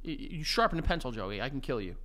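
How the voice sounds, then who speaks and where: Teasing young man, lively pitch. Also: quick pace. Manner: teasing, crude, laughs a lot. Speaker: podcast co-host. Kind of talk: casual banter.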